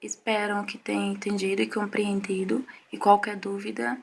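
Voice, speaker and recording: Woman teacher, gravelly tone, mid-pitched, patient explainer, slight noise behind. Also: level tone. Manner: measured, explaining slowly with frequent "certo?" checks. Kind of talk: recorded Portuguese lesson.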